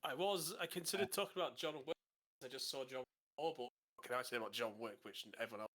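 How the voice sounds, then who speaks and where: A man's voice: medium pitch, quick pace, bright, forceful tone. A man co-hosting a casual chat over a video call, his audio cutting out as the connection drops, talking about movies with enthusiasm. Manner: enthusiastic, rambling movie talk. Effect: connection breaking up, audio cutting out. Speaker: co-host.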